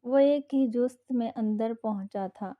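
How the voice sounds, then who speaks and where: A woman reading a romance novel aloud as scripted narration, in a measured storytelling manner. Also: a little high, phone-quality sound.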